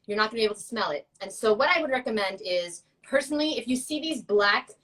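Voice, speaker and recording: High-ish voiced woman, chatty and playful, kinda far from the mic. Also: lively intonation, fast, a bit bright. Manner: chatty, laughing, playful asides. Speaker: co-host. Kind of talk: casual chat.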